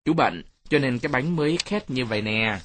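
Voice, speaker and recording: A man's voice: mid-range voice, expressive, brisk, fairly bright tone. A man voicing a strong, jovial grown man who teases a child in a storybook reading. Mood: teasing. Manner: teasing, playful.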